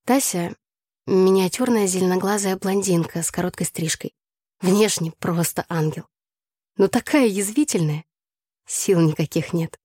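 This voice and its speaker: A woman narrating a first-person story for an audiobook in a calm, scripted storytelling manner on a close studio mic. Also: lowish voice, unhurried, slightly rough, dry recording.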